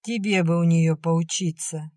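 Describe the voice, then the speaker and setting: A stern older sister with a sharp, scolding tongue, read by a woman. She talks curtly and irritably. Her voice is low and dry, close to the mic. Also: steady tone, a little slow, no room sound, lightly acted.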